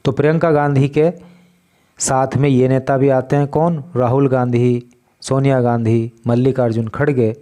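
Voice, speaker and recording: This Indian man's voice is medium-pitched and mellow, with a flat delivery. He teaches English vocabulary in Hindi, slowly and patiently explaining newspaper words one by one.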